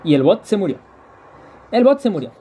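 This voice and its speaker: A man live-streaming a game, chatting with viewers and repeating phrases in quick bursts. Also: sits high, very animated, dark tone, a little hiss or hum.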